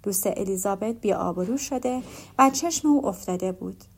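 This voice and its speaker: A woman reading a novel aloud as an audiobook narrator, in even, measured storytelling. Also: medium pitch, vocal fry, slightly rough.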